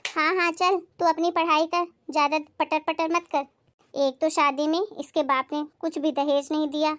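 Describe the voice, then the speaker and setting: A woman playing a sharp-tongued, complaining middle-aged mother-in-law in a comedy skit. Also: high voice, little pitch movement, moderate pace, no echo. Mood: scolding.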